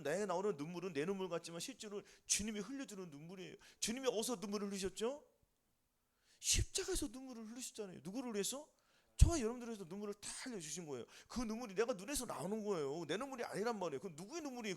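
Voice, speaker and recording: A man preaching a sermon as pastor, firing rhetorical questions at the congregation and answering them himself. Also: high-pitched. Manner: call-and-response questions to congregation, rising and falling emphatically.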